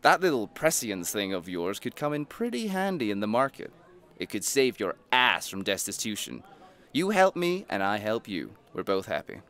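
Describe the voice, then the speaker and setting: Here the same kind of role appears: a man acting as a greedy, cynical tycoon in an audio play, scornful and smoothly convincing. He speaks at normal speed with a fairly low, fairly bright voice and big pitch swings, all in a mood of slick persuasion.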